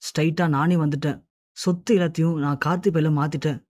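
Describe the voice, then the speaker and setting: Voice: medium pitch, steady tone, darkish tone, lightly acted. A narrator reading the lines of a firm, resolute young man in a retold TV serial. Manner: firm, measured.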